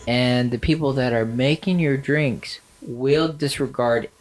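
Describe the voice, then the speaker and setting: A nasal-voiced man co-hosts a podcast, chatting casually with plenty of fillers and dry sarcasm. His pitch is medium and his pace a little slow.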